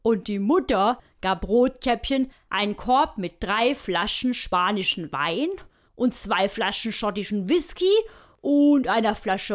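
A woman telling a bawdy comic fairy tale in a hearty, rambling, folksy yarn style. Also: a little high. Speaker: storyteller.

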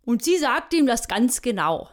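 A woman's voice: fairly high pitch, very animated, a little slow. A woman telling a bawdy comic fairy tale in a hearty, rambling, folksy yarn style. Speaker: storyteller.

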